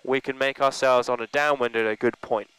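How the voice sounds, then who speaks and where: A man working as a flight instructor, calmly and methodically talking a student through procedures in a small plane cockpit. He speaks over a pilot's headset intercom and checks in often with "okay?". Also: medium pitch, brisk, clear, resonant tone, low-quality recording.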